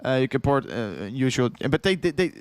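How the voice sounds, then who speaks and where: Speaking briskly at medium pitch with big swings in intonation, a young man from the Netherlands hosts a long crypto livestream in his Dutch accent, with no room sound. Fatigue shows after hours on air as he rambles, repeats himself, chuckles often and reads the chat aloud.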